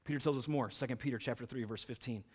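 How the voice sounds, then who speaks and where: A man's voice: medium pitch, fast talker, darkish tone, husky, long reverb tail. A man preaching a sermon, reading scripture aloud and building emphasis with rhetorical questions. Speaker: pastor.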